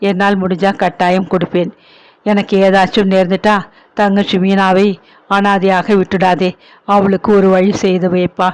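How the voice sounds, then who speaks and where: A man's voice: high voice, monotone, moderate pace, clean tone, lightly acted. A man voicing an elderly ailing mother who pleads with her son, emotional and remorseful. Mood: pleading.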